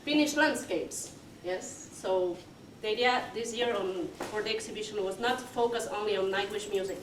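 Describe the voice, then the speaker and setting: In a crowded exhibition hall, a young non-native speaker from Argentina introduces the art on display in casual talk. Her mid-range voice moves slowly, with frequent hesitation and fillers. The room mic sits far away, leaving her voice distant within the hall's noise.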